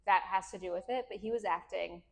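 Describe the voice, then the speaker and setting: A woman in her thirties co-hosting a relaxed podcast. She tells stories from home in an easygoing voice, with plenty of "like" and casual asides. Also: medium pitch, brisk, creaky. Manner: laid-back storyteller, frequent fillers. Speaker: podcast co-host. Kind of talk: casual chat.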